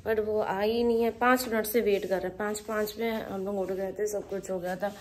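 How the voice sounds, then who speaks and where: A woman's voice: medium pitch, steady tone, moderate pace. A woman in her forties chatting casually to viewers in a daily vlog, filmed on a phone at arm's length in her home. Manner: chatty, addresses viewers directly, gestures while talking. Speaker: vlogger. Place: home rooms and kitchen, indoors. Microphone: phone held at arm's length.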